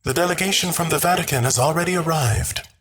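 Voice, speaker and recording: A man voicing a terse, breathy robot servant. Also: a little high, quick pace, fairly bright tone, no room sound, pitched above the performer's own voice. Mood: dutiful. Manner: short, dutiful replies.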